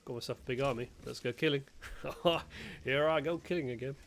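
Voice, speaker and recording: A gaming streamer with a medium-pitched voice chats playfully and sarcastically at a normal speed while playing a strategy game. It's let's-play commentary, with faint game music behind him.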